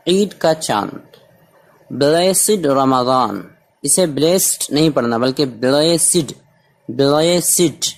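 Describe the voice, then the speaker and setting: A man teaching a basic English lesson, repeating each word patiently for learners. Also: medium pitch.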